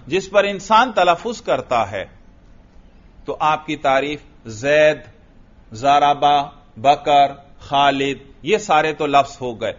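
A male teacher giving a classroom lecture, who reads Arabic lines slowly, explains them and asks his students questions that he then answers himself. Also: medium pitch, a bit bright. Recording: dull lo-fi recording.

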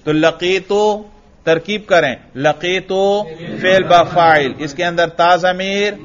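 A man's voice: sits high, slow, fairly bright tone. A man teaching a grammar lesson, drilling his class with questions and answering them himself. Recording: dull lo-fi recording.

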